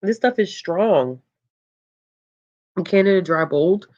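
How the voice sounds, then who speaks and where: On a casual livestream, a book channel host takes a slow pace reading out viewer comments. The tone is low, calm and relaxed, punctuated by frequent laughs and ums, with the recording's highs cut off.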